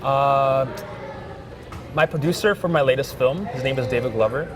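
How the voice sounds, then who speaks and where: A man's voice: mid-range voice, moderate pace, a crowd in the background. A young man, a filmmaker guest, talking in a casual interview with lots of "like" fillers. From Thailand. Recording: music playing behind.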